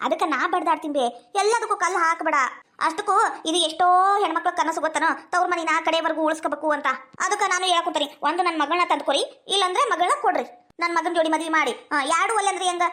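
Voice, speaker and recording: A woman's voice: extremely high pitch, fast, pushed and bright. A woman playing a bossy, nagging village mother with a North Karnataka accent in a comedy skit. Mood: pleading. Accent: North Karnataka Kannada. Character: scheming, scolding middle-aged village mother.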